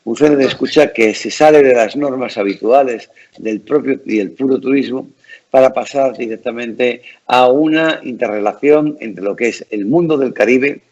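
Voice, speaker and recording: A man's voice: mid-range voice, moderate pace, a little mellow, lo-fi sound. A man hosting a conversational interview in a courteous, formal and wordy way. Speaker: interview host.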